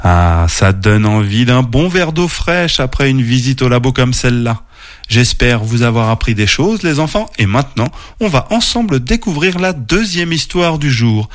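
A man narrating stories and lessons for children. His voice sits in an ordinary middle range, with a gently animated lift on key words. The recording is close and dry. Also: mid-range voice, normal speed, no room sound. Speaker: children's storyteller.

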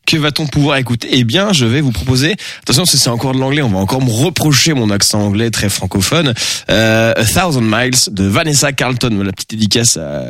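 A male radio co-host who talks quickly and fills his banter with self-mocking jokes. His voice sits in an ordinary middle pitch and sounds dry and close on the studio microphone. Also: animated, fairly bright tone, no room sound. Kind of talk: casual studio chat.

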